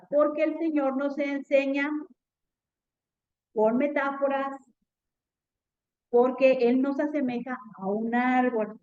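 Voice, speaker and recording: A woman's voice: high-pitched, muffled recording. A woman teaching a Bible class in an earnest tone, often checking in with her students.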